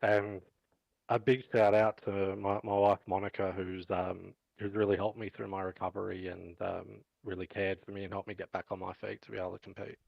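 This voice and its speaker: A man in his forties giving a measured, thankful post-race interview as a driver. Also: sits low, flat delivery, creaky, dry recording, highs cut off. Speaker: sim racing driver.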